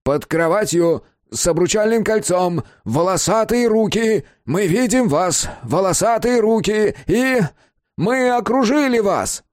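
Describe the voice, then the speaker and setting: A man voicing a pushy male manager who shouts orders in a strained, overly loud way, in an audiobook. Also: medium pitch, huge pitch swings, moderate pace, few pauses, dry recording, clean studio sound. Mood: shouting. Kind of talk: audiobook character voice.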